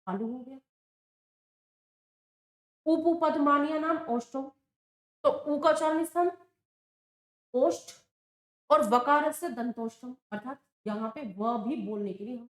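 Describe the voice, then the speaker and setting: A woman teacher explains grammar at an unhurried pace, pausing to ask questions and then answer them herself. Her voice sits high. It rings in an echoey classroom. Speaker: Sanskrit teacher. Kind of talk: exam-prep lesson at a board.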